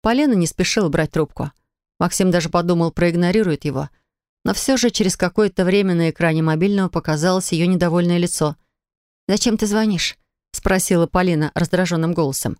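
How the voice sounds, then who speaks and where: A woman narrating an audiobook in an even, smooth storytelling manner. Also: on the low side, fast talker, no room sound. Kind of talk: scripted narration. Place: recording studio. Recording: dry close studio sound.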